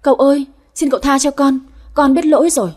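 A woman's voice: sits high, brisk, darkish tone, pitched above the performer's own voice. A woman voicing a terrified young servant girl who pleads tearfully and stammers, in a storybook reading. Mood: pleading.

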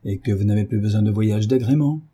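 A man reading aloud, voicing a brutal middle-aged father who shouts roughly and sarcastically. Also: lowish voice, a little fast. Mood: furious, gruff.

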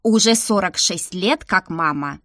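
A woman voicing a stern, sharp-tongued old grandmother who grumbles and scolds, in an audiobook reading. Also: fairly low pitch, a little slow, no echo, clean studio sound. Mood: scolding.

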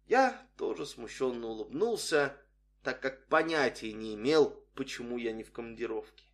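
A man's voice: medium pitch, lively intonation, normal speed. A man reading a humorous story aloud as scripted narration, with a dry, wry storytelling manner. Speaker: audiobook reader.

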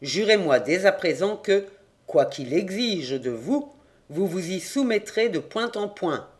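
An audiobook reader voicing a solemn village priest who speaks in a low, measured and grave way. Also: sing-song.

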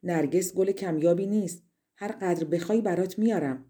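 A woman's voice: on the low side, dark tone, close to an everyday voice. A woman voicing an ugly, boastful male sorcerer who smugly courts a princess. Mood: smug wheedling.

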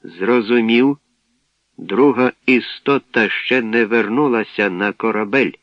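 A man putting on an unhurried, monotone starship robot that clips each word in a level, businesslike way. The voice sits low and dry, in a dull lo-fi audiobook recording. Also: no echo, close to an everyday voice. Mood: flat calm. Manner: measured, clipped, businesslike. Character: calm monotone male ship robot.

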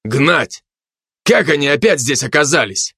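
A man's voice: fairly high pitch, lively intonation, unhurried, vocal fry, sharp tone, slightly rough, no echo, studio quality, pitched above the performer's own voice, full character voice. A man doing a curt snapping security chief. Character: gruff male security chief, curt and commanding.

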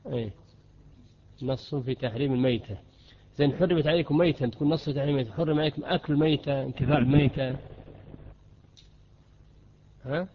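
A man's voice: mid-range voice, fast talker, pauses often, slight background noise. A man, a sheikh teaching a jurisprudence lesson, quizzing students with questions and repeating key terms. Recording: dull lo-fi lesson recording.

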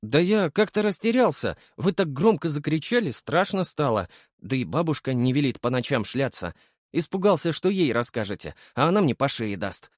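A man reading an audiobook, voicing a cheeky, quick-witted street boy who mocks and feigns fear. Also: on the high side, very animated, no echo, studio quality, pitched above the performer's own voice. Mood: feigned fear. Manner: mocking, feigns childish fear.

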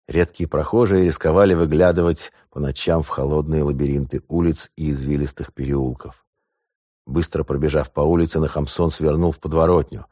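A male audiobook narrator with a very deep voice, reading in a steady, measured way. The recording is dry and close to the mic. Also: no room sound. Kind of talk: scripted narration.

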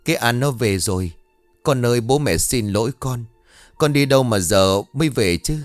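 A man's voice: mid-range voice, lively intonation, moderate pace, no room sound, faint music behind, natural voice. A man voicing an anxious middle-aged mother who pleads tearfully with her daughter. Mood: pleading. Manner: worried, pleading.

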